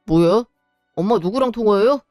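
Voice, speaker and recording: A woman voicing a bitter, hot-tempered divorced adult son who shouts resentfully. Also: mid-range voice, animated, normal speed, dry recording, clean studio sound, soft background music, close to an everyday voice. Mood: alarmed. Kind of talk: Korean web drama voice acting.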